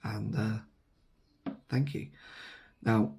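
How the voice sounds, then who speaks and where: Faint music plays behind an English vlogger who speaks very slowly in a lowish, level, darkish voice. Hoarse and losing his voice to a sore throat, he rambles to camera with plenty of ums and self-corrections, seated there and captured by the camera mic.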